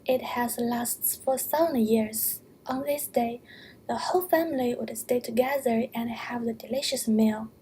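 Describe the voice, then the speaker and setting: A young woman from China with a Chinese accent, a student reading a prepared narration in a careful, measured way. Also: a little high, fairly even intonation, warm tone, slight background noise.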